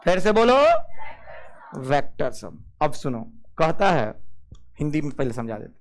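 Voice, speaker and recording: High-voiced physics teacher. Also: male voice, very animated, measured pace, a little hiss or hum. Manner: keeps asking the class "yes or no?" and calling students "babu"; mixes English physics terms into Hindi. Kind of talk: classroom lecture.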